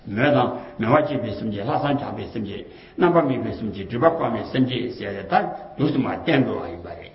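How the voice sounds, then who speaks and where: A man's voice: on the low side, expressive, fast, creaky. A man talking casually and at length, rambling and repeating himself, with many fillers and rhetorical asides. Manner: rambling and repetitive, often circling back to the same phrases; colloquial, with frequent fillers and rhetorical questions. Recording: roomy, dull lo-fi recording.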